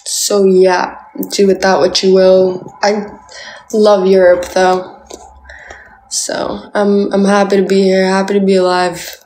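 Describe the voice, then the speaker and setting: A young Canadian woman talks casually and playfully to viewers in a live chat, filming herself indoors in a small room with her phone at arm's length and filling her speech with "like." She takes it slowly in a medium-pitched, slightly mellow voice with little pitch movement. The recording is reverberant, with a little hiss or hum.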